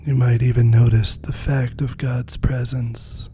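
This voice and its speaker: Faint music accompanies a meditation guide whose dark, mellow, mid-range voice moves very little in pitch. The spiritual practice unfolds very slowly, soft and breathy, often sinking toward a whisper between long, gentle pauses.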